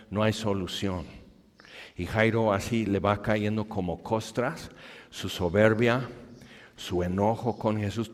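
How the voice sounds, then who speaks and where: A man with a Mexican accent preaching a sermon at a convention, animatedly acting out the scenes of the story he tells. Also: deep voice. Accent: Mexican Spanish. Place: large hall. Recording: long hall reverb.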